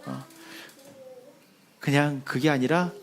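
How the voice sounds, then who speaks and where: A male pastor preaching a sermon as animated storytelling. He acts out the voices of the people in his story and sinks to a hushed, soft delivery as he closes. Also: a little high, slow, gravelly, slight background noise. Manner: drops to a hushed, soft delivery when closing.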